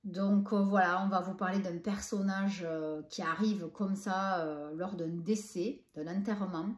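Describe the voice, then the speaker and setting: In an echoey room, a woman with a lowish voice and fairly even intonation talks at an unhurried pace. She's a book vlogger from southern France with a southern French accent, enthusiastically and hesitantly reviewing books she's read in a casual way.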